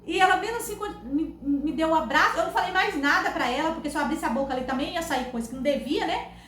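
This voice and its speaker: A woman with a Brazilian Portuguese accent, telling funny stories to her camera in a loud, animated, laughing way. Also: high voice, fast. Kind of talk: casual storytelling to camera. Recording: echoey room, faint background noise.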